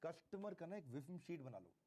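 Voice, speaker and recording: A man giving a motivational sales lecture, stressing key phrases by repeating them slowly and mixing in English. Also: fairly high pitch, big pitch swings, mellow. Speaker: sales trainer.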